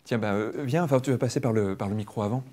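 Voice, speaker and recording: A man leading a public hypnosis demonstration, explaining quickly and playfully to a live audience. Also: lowish voice, mellow. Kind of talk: lively teaching talk to a live audience. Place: training room with an audience.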